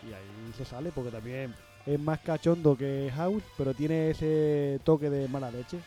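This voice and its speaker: Mellow man in relaxed chat. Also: medium pitch, moderate pace, soft background music. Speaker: podcast co-host. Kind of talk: casual chat about streaming series.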